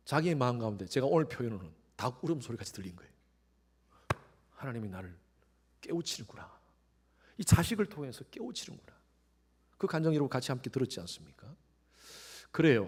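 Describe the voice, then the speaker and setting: A middle-aged male pastor preaching a sermon, swinging between quiet, intimate lines and sudden loud rises, and acting out the voices he quotes. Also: fairly high pitch, slightly rough. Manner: acts out quoted voices with animated shifts.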